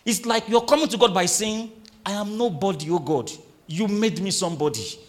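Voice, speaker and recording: A male pastor preaching a sermon, drawing the congregation into call-and-response and reading scripture slowly with emphasis. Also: high voice.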